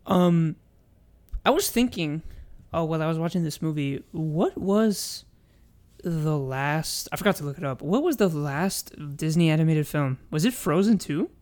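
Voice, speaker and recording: A man's voice: a little high, animated, moderate pace, darkish tone. A young man co-hosting a podcast, talking about films in an informal, conversational way. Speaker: podcast co-host. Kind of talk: casual film chat.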